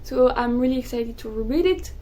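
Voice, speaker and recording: A young woman, a native French speaker, chatting excitedly about books in a casual vlog. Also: fairly high pitch, a little hiss or hum, low-quality recording. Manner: excitable, gushing, quick bursts. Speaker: book vlogger. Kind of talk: casual chat to camera.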